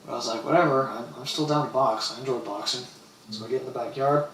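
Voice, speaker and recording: A man's voice: medium pitch, steady tone, quick pace, a bit bright, recorded from a distance, a little hiss or hum. Rambling young man, roomy off-mic sound. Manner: rambling, slangy, quotes people in voices. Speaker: streamer. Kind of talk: casual storytelling on a livestream. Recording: roomy, off-mic with faint ambience.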